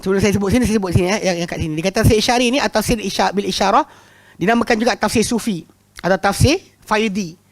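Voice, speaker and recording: A man with a Malaysian Malay accent teaching a religious class, telling lively anecdotes, often laughing and repeating words. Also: high voice, fast talker. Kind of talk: lecture with humorous anecdotes.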